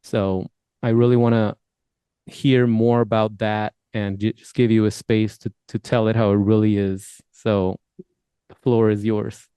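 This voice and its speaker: Male podcast host, smooth voice, dry close sound, rambling friendly questions. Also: on the low side, little pitch movement, measured pace, dark tone, no room sound. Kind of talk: casual interview hosting.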